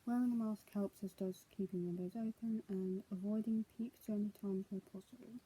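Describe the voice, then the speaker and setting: A young adult woman vlogs in a casual, homemade style, reading news aloud and chatting. Her mid-range voice is dark and husky, with fairly even intonation at normal speed, and the recording quality is low.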